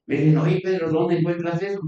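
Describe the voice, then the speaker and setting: A man's voice: sits high, fairly even intonation, brisk, dark tone. Man preaching in an echoey hall. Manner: conversational, repeats and restarts words. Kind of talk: sermon. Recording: distant echoey church recording, dull sound.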